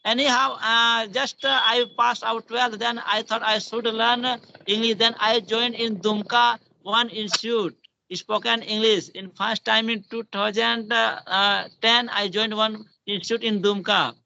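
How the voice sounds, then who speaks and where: A man's voice: high voice, little pitch movement, unhurried, gravelly, bright, forceful tone, a little hiss or hum. A man in his thirties with an Indian accent, chatting in broken English with frequent repeats and self-corrections. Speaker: English learner. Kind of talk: casual spoken-English practice chat. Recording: dull lo-fi online call.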